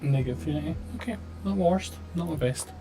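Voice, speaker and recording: On a rough recording, a man with a slightly high voice live-streams a flight simulator, talking quickly. He mutters to himself with dry, sweary, self-deprecating commentary while clear background music plays from the game stream.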